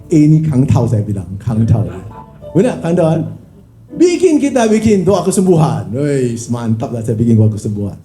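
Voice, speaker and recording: A man preaching as a pastor, telling his testimony in an animated, casual way, with slangy speech. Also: mid-range voice. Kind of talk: testimony sermon. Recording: echoey hall, faint instrument music.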